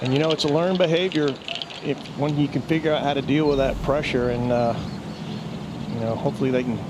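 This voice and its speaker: A man giving live golf commentary in a measured, analytical, conversational way. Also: medium pitch, steady tone. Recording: loud outdoor background noise. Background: outdoor golf course ambience.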